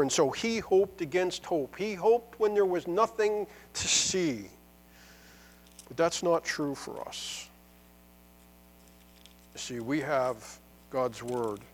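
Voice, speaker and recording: A man preaching a sermon, building to fervent, emphatic repetitions before dropping back to a quiet close. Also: sits high, low-quality recording. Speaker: pastor. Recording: music playing underneath.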